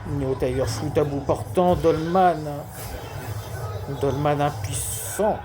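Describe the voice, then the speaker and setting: Repeating certain words to drive his point home, a lisping male streamer gives amateur live commentary on a football video game and offers a dedication to a friend. His s and sh sounds are slushy, his voice slightly high, and his pace slow.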